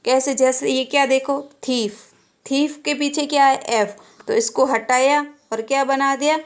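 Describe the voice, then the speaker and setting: A woman's voice: high-pitched, fairly even intonation, a little slow. A woman with a Rajasthani Hindi accent teaching a classroom grammar lesson, patiently asking questions and answering them herself. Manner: patient, asks and answers her own questions. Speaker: school teacher.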